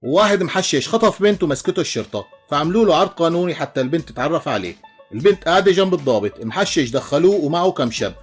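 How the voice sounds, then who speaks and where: A man with a Levantine Arabic accent tells joke after joke at a brisk clip, his voice sitting a little high for a man. He jumps into quick character voices for the punchlines and chuckles along. Soft music plays faintly underneath. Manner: animated storytelling, switches into character voices, chuckles. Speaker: joke teller.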